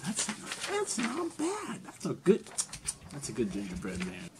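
An excitable man in his thirties hosts a casual, joking home vlog. His pitch swings around a lot, and there is light noise with small clicks behind him, picked up across a table. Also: unhurried. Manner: excitable, playful. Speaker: challenge video host. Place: small home room, indoors. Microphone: camera across a table.

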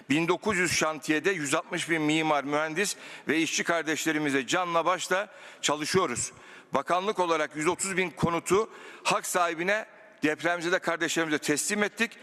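A man speaking formally from the floor of parliament, reciting figures in a measured way. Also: on the high side, bright, forceful tone. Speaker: party group deputy chair. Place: parliament general assembly hall. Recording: long reverb of a large chamber.

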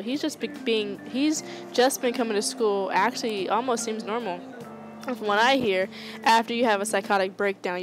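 A woman streamer plays through a game, reading dialogue aloud in a casual, offhand way and dropping the odd curse. Game music plays clearly behind her. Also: mid-range voice, rough recording. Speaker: gaming streamer. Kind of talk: let's-play commentary, reading game text aloud.

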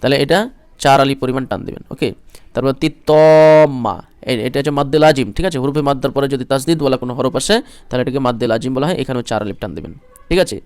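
A man teaching Quran reading, with quick explanations between slow chanted verses. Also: mid-range voice, no room sound. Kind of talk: Quran recitation lesson.

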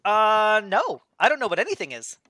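Innocent, clueless blob creature, played by a man, high chirpy voice, bright tone. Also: huge pitch swings, normal speed, no room sound, heavily acted. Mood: curious. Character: newborn talking ooze, cheerful and clueless.

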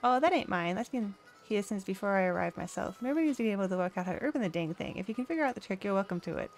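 A woman's voice: mid-range voice, animated, rapid-fire, close to an everyday voice. A woman voicing a cheerful, easygoing drifter man with a folksy drawl.

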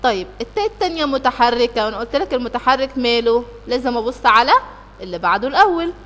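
A woman teacher with an Egyptian Arabic accent leads children through an exam review. She works step by step, asks questions and answers them herself, and recites verses slowly. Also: fairly high pitch, lively intonation, long reverb tail. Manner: recites verses in a slow, drawn-out way.

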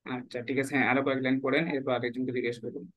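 A man's voice: medium pitch, flat delivery, very fast, no echo. A man teaching an online Quran reading class, patiently correcting his students' pronunciation one syllable at a time. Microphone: online call.

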